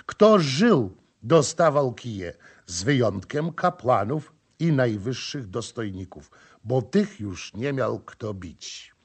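A man reading an audiobook in measured, expressive scripted narration. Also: mid-range voice, breathy edge.

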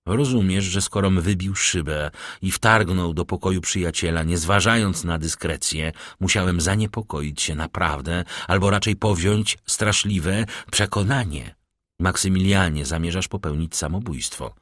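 A man voicing a calm, grave count. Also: low voice, no room sound, clean studio sound. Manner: gentle, hushed and measured.

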